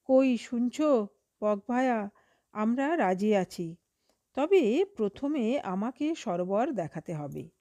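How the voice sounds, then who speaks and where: A woman voicing the oldest male fish of a pond in a storybook tale, calm and measured. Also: fairly high pitch, no room sound, heavily acted. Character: old wise male fish, village elder.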